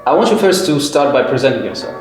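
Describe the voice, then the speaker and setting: A man's voice: mid-range voice, big pitch swings, quick pace. A man interviewing a group casually, asking questions with lots of fillers. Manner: asks questions with frequent fillers. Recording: echoey room with music behind.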